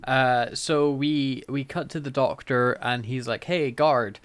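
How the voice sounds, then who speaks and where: A man co-hosting a podcast, casually retelling scenes and acting out quick bits of dialogue. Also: medium pitch, fairly even intonation, fairly bright tone, smooth. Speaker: podcast co-host. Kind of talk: casual chat recapping an episode.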